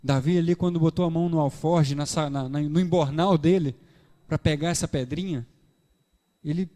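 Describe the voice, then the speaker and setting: A man preaching a sermon with a Brazilian Portuguese accent, animated, acting out dialogues in shifting voices. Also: on the high side, normal speed. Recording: reverberant church hall.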